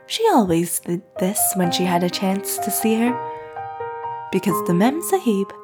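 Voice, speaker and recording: A woman narrating a classic novel in a soft, hushed reading voice. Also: mid-range voice, big pitch swings, a little slow, over loud music. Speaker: audiobook narrator.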